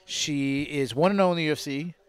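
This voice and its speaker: A man hosting a casual live podcast jokes around and makes mock announcements in a hype-announcer style. His voice is on the high side, brisk, and clean-toned, and the recording is dry.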